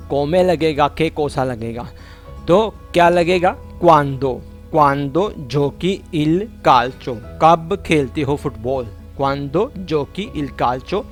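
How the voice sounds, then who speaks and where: Man w/ a higher voice, explaining vocab reeeally slow, soft music underneath. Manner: repeats phrases slowly and carefully, explains in plain terms. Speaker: language teacher. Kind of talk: slow spoken language lesson.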